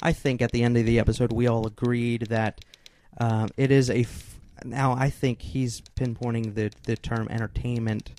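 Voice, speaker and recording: Man, podcast co-host, mid-pitched, hesitant, thinks aloud, casual. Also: level tone, normal speed, hardly any pauses, a little mellow. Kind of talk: casual chat.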